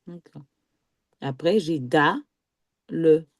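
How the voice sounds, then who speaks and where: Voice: mid-range voice, very slow, no echo, studio quality. A student in a one-on-one reading lesson, hesitantly sounding out syllables and checking they have understood.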